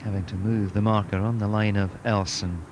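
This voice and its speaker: A male golf commentator with a fairly low voice describes play in short, measured phrases and leaves pauses between them. Clear outdoor noise from the course sits behind his voice. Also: steady tone.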